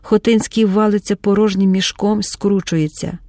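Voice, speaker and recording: Woman reading an audiobook, mellow and dry. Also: steady tone, normal speed, dry recording. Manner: shifts pitch and pace to voice the characters. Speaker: audiobook narrator.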